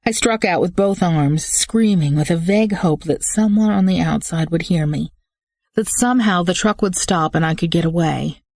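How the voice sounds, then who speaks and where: An audiobook narrator reading a first-person thriller with steady, tense storytelling. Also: medium pitch, normal speed, creaky, no room sound, studio quality.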